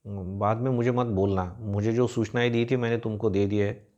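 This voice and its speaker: A man's voice: fairly low pitch, fairly even intonation, normal speed, darkish tone, muffled recording, voice pushed down, lightly acted. A man playing a gatekeeper in a told story who speaks curtly and in a businesslike way. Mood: brisk. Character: brisk male gatekeeper, matter-of-fact.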